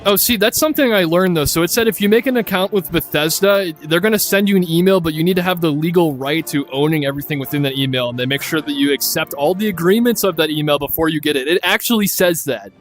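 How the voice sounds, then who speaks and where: Rambling, deadpan male streamer. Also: a little high, quick pace, few pauses, soft background music. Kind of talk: casual gaming stream chat.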